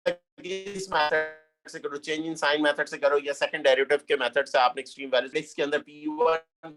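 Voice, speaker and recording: Guy teaching math, higher-ish voice, walks through steps, keeps asking if it's clear. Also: fairly bright tone. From Pakistan. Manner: explains step by step, mixes English terms, asks "clear?". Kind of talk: classroom lecture.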